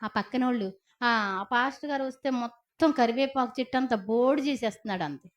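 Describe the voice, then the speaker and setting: Woman, middle-aged, fairly high voice, chatty sermon, keeps asking the congregation questions. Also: fairly quick. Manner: conversational preaching with rhetorical questions and tag questions. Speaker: preacher.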